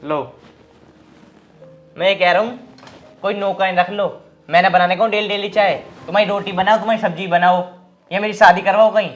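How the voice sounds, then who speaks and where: Brief: a young man as a grumbling son, fairly high voice, dull lo-fi sound. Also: fairly even intonation, moderate pace, long pauses, a bit bright. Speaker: grown son at home. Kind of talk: rural Hindi film acting. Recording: dull lo-fi sound, faint music.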